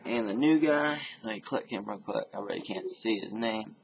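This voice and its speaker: A man's voice: lowish voice, lively intonation, normal speed, vocal fry, noisy background. A young man chatting casually and aimlessly to his webcam in a home office, slangy and given to swearing. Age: young adult. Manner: slangy, swearing, laid-back. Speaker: amateur video blogger. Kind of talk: casual rambling webcam chat. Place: home office room, indoors. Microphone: webcam or computer mic at desk. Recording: dull lo-fi webcam audio, voices behind.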